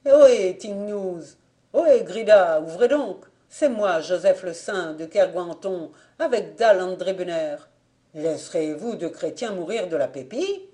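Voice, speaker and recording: Woman reading a loud, jolly drunk farmer for an audiobook, mellow low voice. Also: unhurried, natural voice. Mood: boisterous. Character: boozy male farmer, jovial, thirsty.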